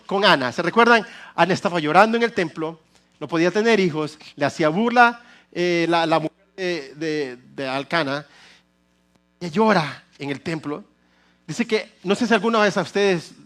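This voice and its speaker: A male pastor preaching a sermon in a humorous, lively way, mixing in English phrases, in a church. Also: sits high.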